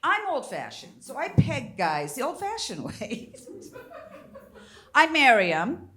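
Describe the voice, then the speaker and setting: An older woman doing a bawdy stand-up comedy set on a theater stage, brash with loud squealing outbursts. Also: high voice, huge pitch swings, takes it slowly. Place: theater stage before a live audience.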